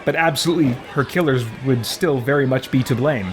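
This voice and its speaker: A let's-play host with a medium-pitched voice talks fairly quickly over a video game, offering chatty, reflective, somewhat philosophical commentary. The recording is noisy, with game ambience and crowd sounds behind him.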